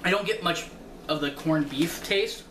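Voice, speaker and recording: A man speaks a little high for his voice, his words thick because his mouth is full and he is chewing. He pauses and thinks aloud as he reviews snacks. He sounds like he is some way off the mic in a roomy space, with steady noise behind him. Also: recorded from a distance. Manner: halting, thinking aloud with fillers. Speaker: food reviewer. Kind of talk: casual food review vlog.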